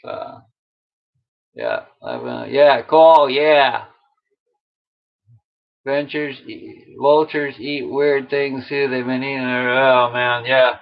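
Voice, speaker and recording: A man's voice: mid-range voice, fairly even intonation, slow pace, vocal fry, pauses often. A man from Utah chatting casually on a live stream, rambling from topic to topic and laughing at himself. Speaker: massage tool maker and live-stream host. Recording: dull lo-fi stream audio.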